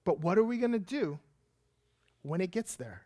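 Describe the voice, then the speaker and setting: A man in his thirties, a pastor, preaching a sermon and telling a lively personal story with emphatic delivery. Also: high voice, moderate pace, no echo.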